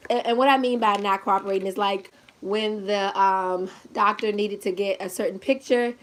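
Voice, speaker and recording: A woman's voice: medium pitch, fairly even intonation, normal speed. A young woman chatting casually to her viewers in a home pregnancy update vlog, tired and a little out of breath, rambling and laughing often, recorded by a camera set a short way off. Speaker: vlogger. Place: indoors at home, seated in a chair. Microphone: camera set at a distance.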